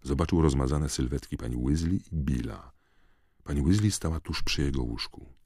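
Very deep, husky male audiobook narrator. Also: moderate pace, warm tone, no room sound, clean studio sound. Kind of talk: audiobook reading.

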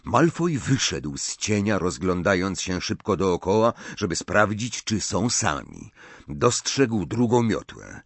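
A man's voice: low-pitched, big pitch swings, slow, breathy edge, no room sound. A man narrating an audiobook in a dramatic, varied reading.

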